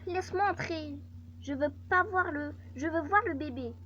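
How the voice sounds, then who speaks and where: Pushy ex-wife wanting her baby, read out by a woman, higher voice, muffled recording. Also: moderate pace, sharp tone, slight background noise. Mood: demanding. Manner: insistent, reads game dialogue aloud.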